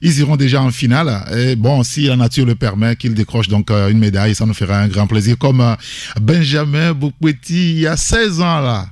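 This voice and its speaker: Chatty Togolese radio host, dry studio sound. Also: male voice, medium pitch, brisk, darkish tone, dry recording. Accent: Togolese French. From Togo. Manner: chatty, emphatic, tags questions with "hein". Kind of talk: morning radio interview.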